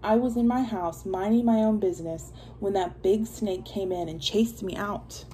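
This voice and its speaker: A woman's voice: mid-range voice, moderate pace, dark tone, a little hiss or hum, natural voice, poor audio. A woman voicing a timid little female rabbit who anxiously explains herself in a read-aloud folktale.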